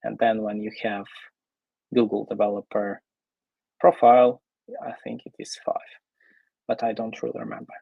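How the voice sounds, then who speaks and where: A man from Ukraine, presenting an online tech talk as a software developer, casual and full of fillers. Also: lowish voice, flat delivery, gravelly, dry recording, phone-quality sound. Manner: casual, pausing often with fillers.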